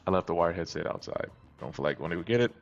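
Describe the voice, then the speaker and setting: A man vlogging in a laid-back, rambling way, his voice sounding thin, tinny and muffled with no bass through a wireless headset. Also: expressive, fast talker, creaky. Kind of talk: casual chat to viewers. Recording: dull lo-fi headset audio. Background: faint music playing.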